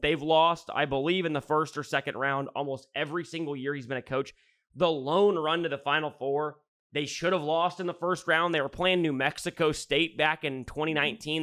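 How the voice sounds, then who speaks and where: A man co-hosting a casual sports podcast, blunt and profane, telling animated stories. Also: on the high side, no echo, clean studio sound. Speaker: podcast co-host.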